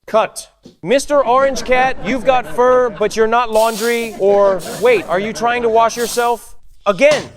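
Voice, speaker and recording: A man's voice: extremely high pitch, fairly even intonation, a little slow. A man playing a film director on set, calling cut and again in a bossy, exasperated way. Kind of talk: scripted comedic narration.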